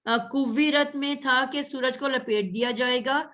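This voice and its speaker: Give me a woman with a fairly high voice teaching an online grammar class, correcting pronunciation patiently. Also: steady tone, a bit bright. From Pakistan. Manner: patient, corrective, repeats sounds slowly.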